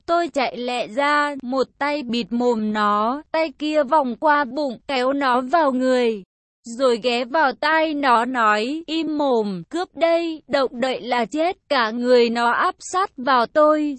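A woman reading a first-person story aloud in a steady, intimate way. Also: high-pitched, no room sound.

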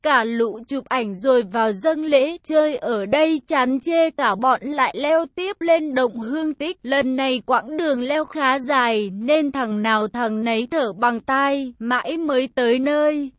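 A woman's voice: sits high, unhurried, hardly any pauses, dry recording. A woman narrating a first-person story in a casual, conversational way.

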